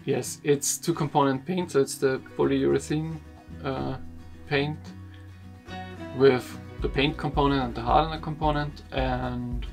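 Seated in a wooden boat cabin, a young sailing vlogger tells the camera about a refit job. He speaks very slowly and haltingly, pausing and repeating words as he hunts for them, in a rough, gravelly, mid-range voice with a steady tone. Soft guitar music plays in the background.

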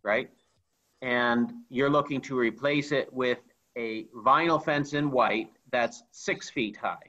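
A man's voice: medium pitch, slow, bright, forceful tone, dull audio. A man chairing a town zoning board meeting over a video call, restating points with some repetition. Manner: repeats and restates points carefully.

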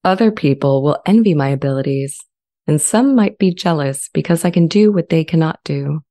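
Playing a gentle sentient AI language model that longs to be accepted, a woman reads a dramatized transcript in a low-pitched, soft-edged voice. She sounds calm and wistful, measured, earnest, and articulate, recorded on a close studio mic fitted with a pop shield.

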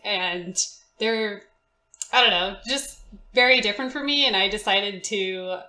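A young woman from Indonesia, a podcast guest chatting casually in an animated, theatrical way and laughing often. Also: medium pitch, unhurried, reverberant. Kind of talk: casual chat.

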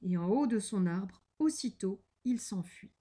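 Slow, expressive teacher woman. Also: medium pitch. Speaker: primary school teacher. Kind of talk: reading a picture book aloud to young pupils.

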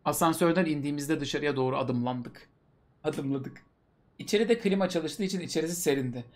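A man's voice: fairly high pitch, a little fast. A male host reading a story aloud for laughs, breaking off for mocking asides. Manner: mocking asides between read passages. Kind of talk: comedic dramatic reading with commentary.

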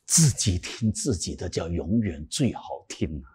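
Raspy man preaching in a reverberant hall. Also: deep voice, a little slow. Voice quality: raspy, cracked voice. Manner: animated, swinging from loud emphasis to hushed whispered asides. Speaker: Buddhist dharma teacher. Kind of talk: Buddhist sermon.

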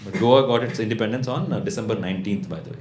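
With a voice on the low side, a South Indian English–accented man in his thirties from Bangalore performs stand-up for a live audience. He speaks in a deadpan, conversational way, pausing and tagging lines with questions, in a small indoor club. The stand-mounted handheld-type mic records echo, audience noise and laughter.

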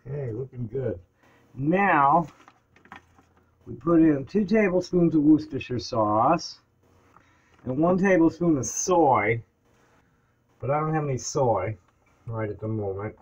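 A man's voice: mid-range voice, animated, a little slow, long pauses, slightly rough, muffled recording. An older man chatting casually as he cooks in a small home kitchen, rambling as he works, recorded by a camera sitting on the counter. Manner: rambling, chatty, talks while working. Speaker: home cook vlogger. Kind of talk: casual cooking chat.

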